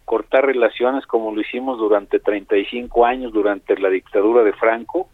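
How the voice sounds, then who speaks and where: A man's voice: fairly low pitch, steady tone, moderate pace, dry recording. A man with a Mexican accent, an ambassador giving his view as a phone guest, speaking hesitantly with many fillers. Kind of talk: phone interview commentary. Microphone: telephone. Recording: tinny phone line.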